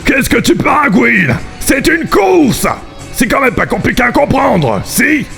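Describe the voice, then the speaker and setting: A man voicing a big, brash, dim-witted albatross henchman in an amateur cartoon fandub, blustering and easily confused, with a gravelly voice. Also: very high-pitched, big pitch swings, a little slow, bright, forceful tone, faint music behind, full character voice. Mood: boastful, aggressive.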